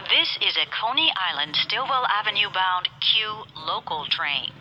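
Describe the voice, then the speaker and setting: A woman delivers scripted train announcements in the style of an airport announcement. Her voice is very bright and forward, with lively intonation on carefully separated phrases. It comes over a slightly muffled PA with faint background noise. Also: medium pitch, unhurried. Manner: clearly enunciated, formulaic phrasing in separate segments. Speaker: automated subway train announcer.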